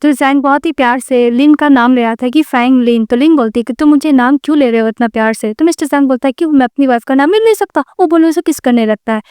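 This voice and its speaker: A woman retelling a drama's plot in a fast, steady storytelling voice, mixing in many English words. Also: high-pitched, dry recording, clean studio sound. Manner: rapid, even storytelling with many English loanwords. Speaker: drama recap narrator.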